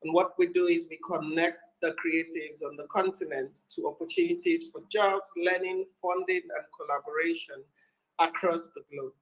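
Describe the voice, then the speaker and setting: A man's voice: a little high, steady tone, moderate pace, rough recording. A man with a Nigerian accent speaking as a panel guest, explaining the work of a creative community.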